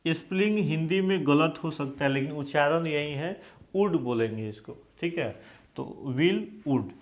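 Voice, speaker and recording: A man's voice: on the high side, moderate pace. A male English grammar teacher with a Hindi accent, giving a classroom-style lesson and repeatedly asking questions so students answer aloud.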